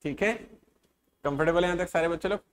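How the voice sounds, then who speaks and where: A man teaching an exam-prep English grammar lesson, sounding out letters and words slowly and checking often that his students follow. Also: fairly high pitch.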